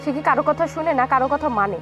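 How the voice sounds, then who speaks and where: A young wife with a colloquial Bangladeshi Bengali accent, complaining and coaxing in a high voice. Soft music runs behind her. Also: lively intonation, rapid-fire. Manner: complaining, then placating. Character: young wife urging her husband to calm down. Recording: with faint background music.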